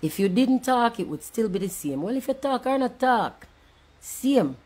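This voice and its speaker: A woman's voice: on the high side, sing-song, normal speed, a little mellow, husky. Jamaican woman, angry monologue, blunt and profane, patois mixed with standard English.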